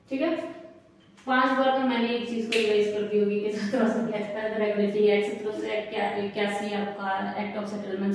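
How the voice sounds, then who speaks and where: A woman's voice: mid-range voice, recorded from a distance, slight background noise. A young woman teaching a lecture class and often checking that students follow. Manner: repetitive, checking in with "ठीक है?". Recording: echoey room, voice away from the mic.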